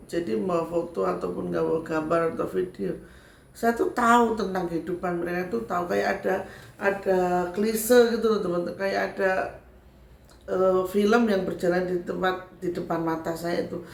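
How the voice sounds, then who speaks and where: Javanese woman, spiritual medium vlogger, gravelly, chatty storyteller, echoey room. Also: lowish voice, darkish tone. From Sragen, Central Java, Indonesia. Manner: chatty, loops back with filler tags. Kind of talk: casual storytelling to viewers. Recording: echoey room with faint background ambience.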